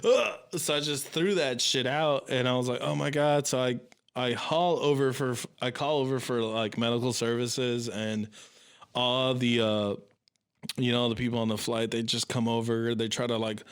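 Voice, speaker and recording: Young male podcast co-host, mid pitch, smooth resonant voice, animated and profane, mimics other people. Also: moderate pace. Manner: animated, acts out quoted voices, swears a lot. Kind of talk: casual profane storytelling.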